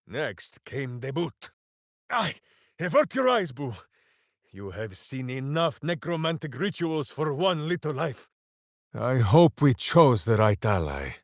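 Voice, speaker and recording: Heard through a very dry, close recording with no room sound at all, a male voice plays a loud, simple-minded ranger who has an earnest, heroic heart. He speaks of himself in the third person, declaiming grandly, theatrically, and slowly in his game voice lines while his pitch swoops up and down.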